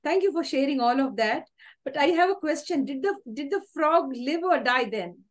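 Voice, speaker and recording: A woman's voice: high-pitched, lively intonation, moderate pace. A woman in her forties with a Tamil accent hosts an interview on a video call, polite and encouraging. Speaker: talk show host. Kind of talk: conversational interviewing.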